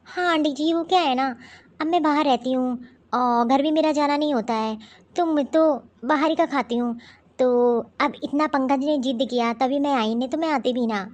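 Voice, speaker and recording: A woman voicing a modern, pushy young city woman in an animated cartoon, speaking breezily and dropping English words. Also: sits high, moderate pace, close to an everyday voice. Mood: breezy.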